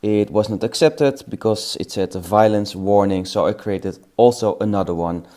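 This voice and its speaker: A middle-aged man with a Dutch accent casually walking through software on screen, thinking aloud. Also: fairly low pitch, normal speed. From Netherlands. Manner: relaxed, thinking aloud, laughs at results. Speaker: video host. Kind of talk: casual screen-recording tutorial.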